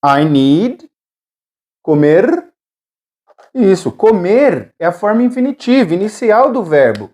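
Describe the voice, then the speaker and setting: Patient, lively teacher. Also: mid-range voice, slow pace, long pauses. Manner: patient, repeats drill phrases and checks in with "certo?". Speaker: English teacher. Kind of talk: recorded English lesson for Portuguese speakers.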